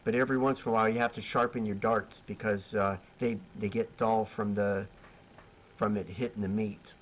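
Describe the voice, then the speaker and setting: A man's voice: fairly low pitch, fairly even intonation, moderate pace. A man on a video call, telling rambling catering and grilling stories in casual chat, laughing at himself. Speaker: BBQ caterer, guest. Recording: dull lo-fi sound with faint noise.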